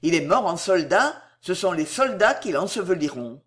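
A narrator voicing a commanding army officer who gives loud, imperious orders, reading a storybook aloud. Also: mid-range voice, very animated, moderate pace. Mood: grieving. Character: commanding army officer, stern then grieving.

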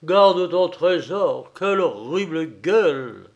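A man voicing a stubborn old peasant grandfather who grumbles gruffly in a story reading. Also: a little high, very animated, slow, darkish tone, muffled recording, exaggerated voice. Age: older.

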